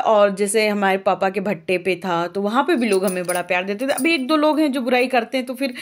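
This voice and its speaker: A young woman from Uttar Pradesh talks through her household chores in a rambling, homely vlog voice. She talks on easily and often stops on small filler sounds, keeping her pitch in the middle range for a woman. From Uttar Pradesh, India. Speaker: vlogger. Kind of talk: casual chatty vlog narration.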